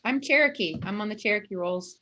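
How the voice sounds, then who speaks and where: A woman's voice: medium pitch, expressive, fairly quick, sharp tone, dull audio. A woman with a mid-range voice hosts a casual roundtable over a video call. She explains things earnestly, stacking up long run-on lists as she goes. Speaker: network founder and roundtable host. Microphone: video call microphone.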